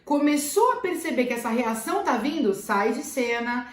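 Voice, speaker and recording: A woman's voice: sits high, lively intonation, moderate pace. A woman teacher with a Brazilian Portuguese accent talks earnestly to parents and repeats key phrases for emphasis. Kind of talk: talking to parents. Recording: roomy echo.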